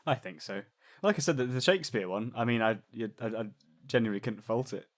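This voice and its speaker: A man's voice: mid-range voice, lively intonation, fast. A man running a podcast segment in casual chat, teasing, giggling and stumbling over his words. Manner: giggly, stammering restarts, teasing.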